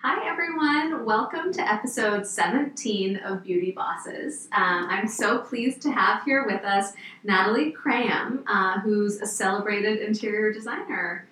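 A woman's voice: mid-range voice, unhurried, fairly bright tone, heavy reverb, far from the mic, faint music behind, poor audio. A woman who hosts a beauty podcast interview from her office, chatty and upbeat, with some fillers. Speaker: podcast host, plastic surgeon.

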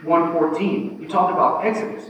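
A man in a church Bible class thinks aloud in a halting, searching way, restarting often, and reads scripture aloud. His voice sits a little high for a man and comes from some distance off the mic. The room is very echoey, with faint ambient noise. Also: fairly even intonation, a bit bright. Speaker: class participant.

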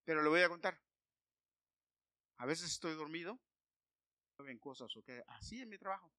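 A man preaching a sermon, emphatic and building to loud declarations. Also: fairly high pitch, lively intonation, moderate pace, no echo.

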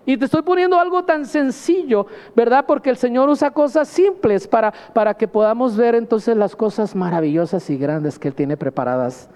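A man delivers a sermon from the pulpit, his voice riding high for a man. He is emphatic and keeps calling the congregation "brother." The sound rings with the long reverb of a church hall. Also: normal speed, few pauses, a little mellow. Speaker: pastor.

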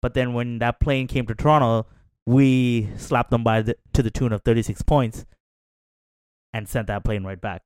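A confident man talking sports on a panel, trash-talking freely and tagging his points with "right?". His pitch is mid-range, recorded on a close mic with a dry sound. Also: fairly even intonation, normal speed, a little mellow, clear, resonant tone, no echo. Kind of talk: casual sports talk.

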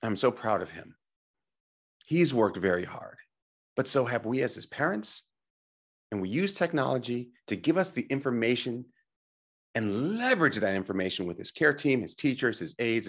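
A husky-voiced middle-aged man teaches in a motivational presentation. His pitch moves up and down a lot as he stresses his points. He coaches the listener directly, with rhetorical questions and quick check-ins. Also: sing-song, fairly bright tone. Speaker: presenter and teacher on health technology.

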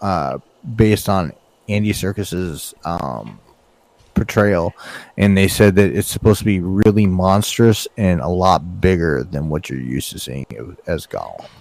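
A man's voice: low voice, a little slow, vocal fry, no room sound. A man co-hosting a casual chat, swearing freely and talking with animation. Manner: profane, animated, swears often. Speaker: podcast co-host.

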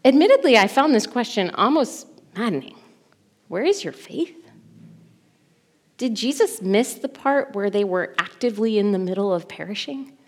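A woman in her thirties preaching a sermon, telling the story expressively and swinging from urgent to hushed. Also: mid-range voice, lively intonation, a little fast.

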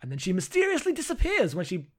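A man's voice: sits high, huge pitch swings, fast talker. A man co-hosting a podcast, casually recapping an anime movie in a rambling, amused way with lots of fillers. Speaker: podcast co-host.

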